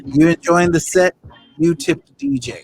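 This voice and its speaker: A man hosting an online radio show, talking casually in chummy street slang and giving shout-outs. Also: fairly high pitch, steady tone, normal speed, soft background music. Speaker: show host.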